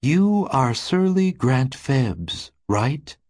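A man voicing the calm telepathic voice of a toy maze, smooth and salesmanlike. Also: mid-range voice, drawn-out words, voice pushed up, full character voice. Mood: placid.

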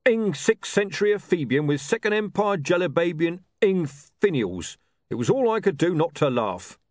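Casting: male reader doing a brash cursing thug, loud, punchy, lively pitch, dry close sound. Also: moderate pace, no echo. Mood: gruff. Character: loud, coarse, swearing male thug with a love of art.

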